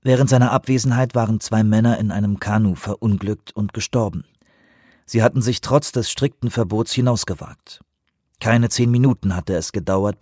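A man reading a novel aloud as an audiobook narrator, in measured storytelling. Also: lowish voice, a little mellow, no echo, clean studio sound. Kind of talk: scripted narration.

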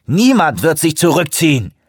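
A man voicing a huge, furious male eco-activist who shouts, scorns and preaches. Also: sits high, sing-song, normal speed, slightly rough, no room sound, clean studio sound, voice pushed up, heavily acted. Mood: angry.

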